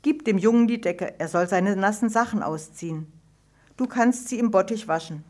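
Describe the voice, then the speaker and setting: A woman reading a storybook, voicing a caring, practical mother who speaks briskly. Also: mid-range voice, darkish tone, close to an everyday voice.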